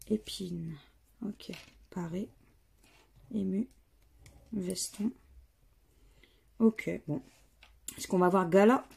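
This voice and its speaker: A woman casually commenting as she scratches lottery tickets, reading out letters and words in a slow murmur that often drops to near-whispers. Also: mid-range voice, vocal fry, darkish tone, slightly rough. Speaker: scratch-card vlogger.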